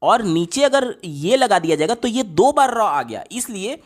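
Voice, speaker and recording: A man's voice: sits high, big pitch swings, measured pace. A man explaining exam questions step by step as a teacher, often asking a question aloud and then answering it himself. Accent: Hindi. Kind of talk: explaining lesson on screen.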